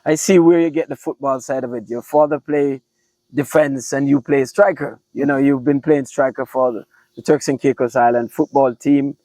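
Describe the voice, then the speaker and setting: A man's voice: mid-range voice, steady tone, normal speed, dry recording, poor audio. A man hosts a casual podcast in a mid-range voice. He asks his questions eagerly and often stumbles and restarts. The recording is close and dry. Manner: warm and encouraging, stumbles over his words. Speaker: podcast host. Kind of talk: casual interview chat.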